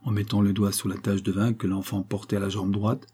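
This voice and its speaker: A man narrating a classic novel as an audiobook reader, in a steady, even storytelling manner. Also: fairly low pitch, brisk, slightly rough.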